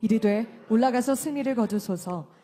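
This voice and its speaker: A woman reading scripture aloud during a church service, in a steady reciting voice. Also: fairly high pitch, normal speed. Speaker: congregation member reading scripture. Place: church sanctuary.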